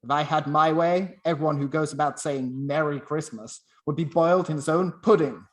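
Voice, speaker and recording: A performer in a radio play voices a miserly, bitter old businessman, curt and scornful. The voice is mid-range, close to everyday speech, at a moderate pace, and the mood is loud and disgusted.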